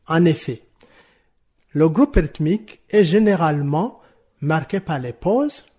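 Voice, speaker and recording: A man explaining French rhythm and stress to teachers in a slow, measured, didactic way, answering interview questions. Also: a little high, expressive, a little mellow, slightly rough. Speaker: language teaching expert.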